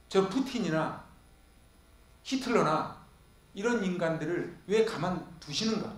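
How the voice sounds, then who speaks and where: A man preaching to his congregation in a high, bright-toned voice. He keeps putting questions to the room and answering them himself. The sound rings around a reverberant church hall. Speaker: pastor. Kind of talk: expository sermon. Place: church sanctuary.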